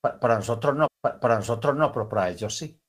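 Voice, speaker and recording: A man's voice: medium pitch, lively intonation, fast. A man telling a story as a preacher, repeating each phrase with sudden emphatic bursts. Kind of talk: storytelling sermon.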